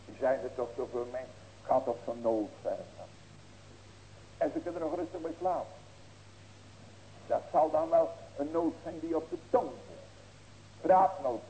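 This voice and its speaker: Pastor preaching with sudden cries. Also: male voice, fairly high pitch, a little hiss or hum, low-quality recording. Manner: preaching with sudden loud raised cries and rhetorical questions. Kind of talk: sermon.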